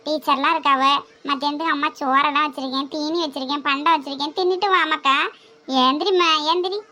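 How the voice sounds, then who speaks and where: A woman's voice: high-pitched, steady tone, quick pace, bright, forceful tone. A woman playing an anxious, doting mother who coaxes her son and fusses over him. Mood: coaxing. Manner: coaxing, fussing and pleading.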